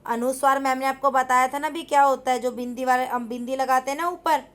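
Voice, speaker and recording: A woman's voice: high-pitched, fairly even intonation, brisk, a bit bright. A woman teacher patiently explaining a school grammar exercise, repeating points and asking her pupils questions.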